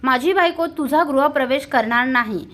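A woman's voice: high-pitched, moderate pace, a bit bright. A woman voicing an angry man who scolds his younger brother, in a reproachful, scornful way.

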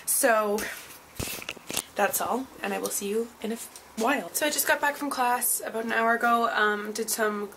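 A young woman in her twenties talks through her day for a vlog in a loose, rambling way, dropping ums as she goes. Her voice sits a little high and carries a gravelly fry. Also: moderate pace, fairly bright tone, a little hiss or hum, rough recording. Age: 20s. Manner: chatty, rambling with frequent ums. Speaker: vlogger. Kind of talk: casual vlog chat.

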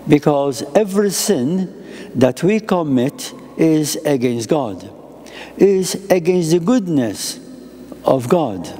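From a lectern in a chapel with an icon, an elderly priest gives a sermon in slow, deliberate, short measured phrases that rise and fall melodically. His mellow voice sits somewhat high for a man, picked up by a lectern microphone, with a long church reverb trailing after it.

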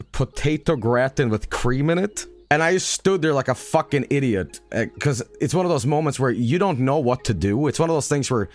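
A young man streaming a game, rambling profanely and breaking into sudden loud outbursts. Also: mid-range voice. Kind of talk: casual live-stream commentary.

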